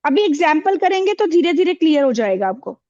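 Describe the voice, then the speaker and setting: A woman's voice: high-pitched, big pitch swings, a little fast, darkish tone, lo-fi sound. A woman teaching a classroom, asking the pupils questions and repeating their answers with encouragement.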